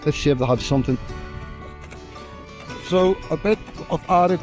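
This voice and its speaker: A man's voice: a little high, measured pace. A man from Northern Ireland with a Northern Irish accent, chatting casually to his vlog in a rambling way that trails off and changes track mid-thought. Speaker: travel vlogger. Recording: loud music over the voice.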